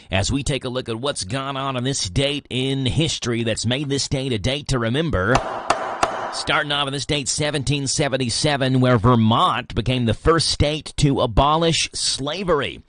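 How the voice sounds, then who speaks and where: A man's voice: fairly low pitch, a bit bright, no room sound, studio quality. An American man hosting a live morning radio show, moving between read items and casual chat. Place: radio studio.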